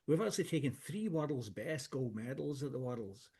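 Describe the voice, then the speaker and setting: A man's voice: medium pitch, lively intonation, moderate pace, mellow, breathy edge. Man, broad Scottish accent, mid-range voice, hesitant delivery, online presentation. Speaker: distillery owner presenting. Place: speaking into a microphone on an online call.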